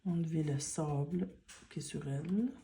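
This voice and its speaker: A woman with a Quebec French accent, speaking in a hushed library-like murmur in soft-spoken ASMR style and mixing in English words. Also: deep voice, normal speed, gravelly, slight background noise. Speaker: ASMR creator.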